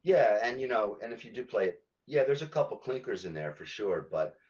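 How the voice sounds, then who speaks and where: A man, a game localization director, answering podcast interview questions haltingly, with many ums and restarts. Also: fairly low pitch, expressive, darkish tone, muffled recording.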